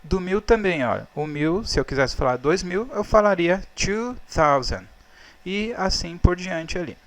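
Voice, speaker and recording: A man's voice: high-pitched, expressive, normal speed. A Brazilian man, a native Portuguese speaker, teaching English numbers in a patient, explaining way over slides. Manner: patient, checks in with "tá?" and "ó".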